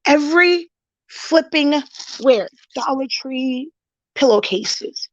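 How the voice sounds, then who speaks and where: A high-voiced woman rambles frankly to her viewers, exasperated and chatty as she sorts through supplies. Her voice swings up and down as she vents. The sound is dry and close, a little muffled and dull. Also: lively intonation, slow pace, no echo. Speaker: craft business educator. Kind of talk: casual vlog while sorting supplies.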